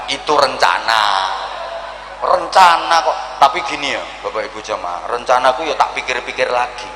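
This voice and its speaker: A man with a Javanese accent preaching a humorous sermon to a congregation, dramatic, swinging from booming shouts to soft asides. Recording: echoey hall with faint hum.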